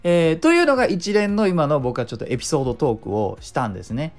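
Chatty man with lively, gravelly voice. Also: on the high side, fast, faint music behind. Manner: chatty, self-explaining, uses sound imitations. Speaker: podcast host. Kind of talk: casual solo talk with speaking tips.

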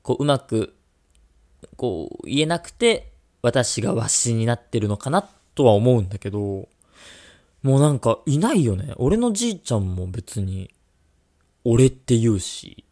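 A man's voice: medium pitch, very animated, unhurried, mellow. A man co-hosting a radio-style podcast, chatting casually and teasing his co-host with jokes. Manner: teasing, joking banter.

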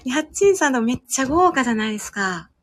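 A woman's voice: high-pitched, sing-song, quick pace, background noise. A woman with a Kansai accent hosting a casual live chat from home over dinner, talking chattily and reading out listener comments. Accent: Kansai Japanese. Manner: chatty, laughs often, reads comments aloud. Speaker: livestream host.

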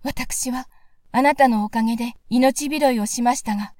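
A woman's voice: a little high, normal speed, a little mellow, no echo, close to an everyday voice. A woman voicing a frightened young princess who speaks politely and anxiously. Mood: fearful.

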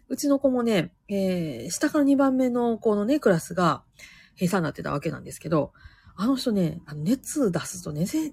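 A woman's voice: medium pitch, creaky, darkish tone, slightly rough, dry recording. A woman with a Kansai accent hosting a casual solo chat show, telling rambling stories full of asides. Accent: Kansai Japanese. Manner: rambling, chatty storytelling with many asides. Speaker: podcast host.

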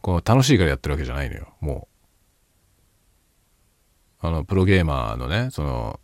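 Very deep, quiet, creaky-voiced man. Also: sing-song, a little fast, dry recording. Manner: quiet, hushed late-night talk; reflective, self-deprecating. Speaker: YouTube host. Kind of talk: casual late-night solo chat.

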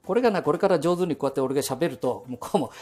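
A man's voice: a little high, lively intonation, racing, a little mellow. A man in his seventies with a Nagoya dialect, chatting to himself in a rambling monologue while walking outdoors, full of chuckles and asides. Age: 70s. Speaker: podcast host. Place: walking outdoors and inside a bank ATM booth.

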